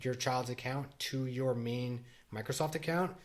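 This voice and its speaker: A middle-aged man co-hosting a casual podcast chat. He rambles, circles back and restarts his sentences, and his voice sits at an ordinary pitch for a man. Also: moderate pace. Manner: rambling, many restarts and fillers. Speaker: podcast co-host.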